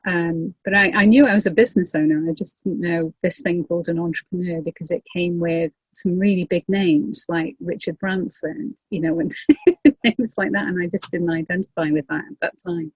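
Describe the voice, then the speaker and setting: Husky-voiced woman in her fifties, chatty. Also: lowish voice, normal speed, dry recording, highs cut off. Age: 50s. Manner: chatty, laughs often. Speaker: host. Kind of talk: casual interview chat.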